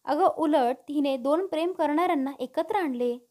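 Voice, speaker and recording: A woman's voice: high-pitched, normal speed, warm tone, close to an everyday voice. A woman voicing an easygoing, good-humoured middle-aged father in a storybook reading.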